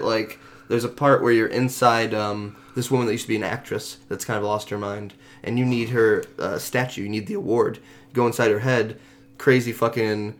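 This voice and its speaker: A man in relaxed casual chat, laughing easily and swearing offhandedly. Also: medium pitch.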